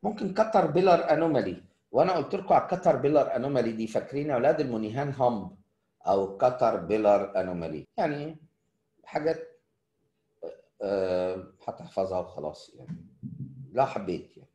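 Middle-aged Egyptian lecturer, casual and chatty, animated delivery. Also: male voice, medium pitch, fast talker, reverberant, dull audio. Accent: Egyptian Arabic. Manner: chatty, addresses students as kids, answers questions. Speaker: surgery lecturer.

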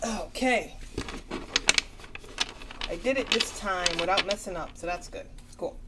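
A woman's voice: on the low side, a little slow, very noisy. Tired, chatty woman reading tarot. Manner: chatty, repeats "okay?" often. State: tired, yawning. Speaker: tarot reader.

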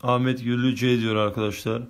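Brisk and level-toned, a man with a mid-range voice leads an online grammar lesson. He reads exam questions aloud and works through every answer step by step with his students.

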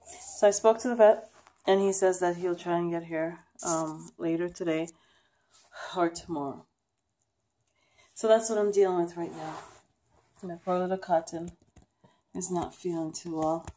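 A woman speaks in a fairly low, soft-edged and mellow voice. She sounds sad and worn down, talking hesitantly and casually, as if confiding in viewers of a personal vlog. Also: fairly even intonation, slight background noise. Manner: subdued, hesitant, halting. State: sad, emotionally weary. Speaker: vlogger. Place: wood-panelled basement room at home, indoors. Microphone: handheld camera at arm's length.

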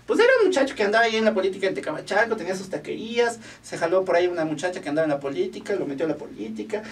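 A man's voice: high voice, lively intonation, rapid-fire, far from the mic. A man with a Mexican Spanish accent, co-hosting a casual podcast with sly, joking asides. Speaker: podcast co-host. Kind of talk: casual gossip chat.

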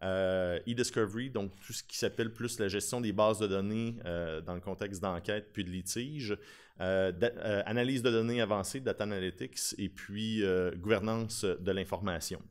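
A man's voice: fairly low pitch, steady tone, normal speed. A man in his thirties with a Québécois French accent, giving an informal, talkative conference presentation at a podium microphone. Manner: informal, talkative, with self-deprecating humour. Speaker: conference speaker, lawyer specializing in digital forensics. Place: conference room at a lectern. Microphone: podium gooseneck microphone.

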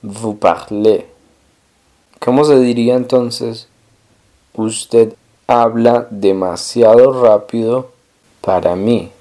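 A man teaching a language lesson, explaining pronunciation step by step and repeating each example slowly. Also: mid-range voice, fairly even intonation, dark tone. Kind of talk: slow, careful language lesson.

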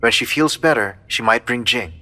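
A man dubbing a dignified young emperor who speaks in a measured, formal way. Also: mid-range voice, pushed and bright. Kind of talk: English drama dub.

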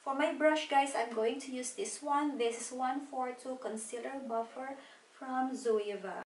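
High-voiced woman in an echoey room. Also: measured pace, far from the mic. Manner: chatty, walks through each product step by step. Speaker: beauty vlogger. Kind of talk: casual makeup tutorial. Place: small home room at a desk.

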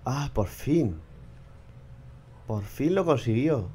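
Man, mid-pitched voice, sarcastic and blunt, vlog commentary. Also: lively intonation, slow pace, background noise. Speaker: vlogger commenting on clips and AI tools. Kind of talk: casual commentary.

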